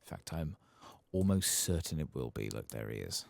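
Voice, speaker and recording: This ASMR gaming streamer has a very deep, creaky, soft-spoken voice with lively intonation, captured in a dry recording. He narrates his play and reads quest text aloud, musing to himself in hesitant, unhurried asides.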